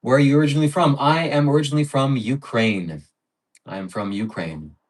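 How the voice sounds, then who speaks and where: This livestream host, a man with a medium-pitched voice, talks a little fast. He chats casually, reading out donations, thanking the donors, and piling up adjectives as he goes.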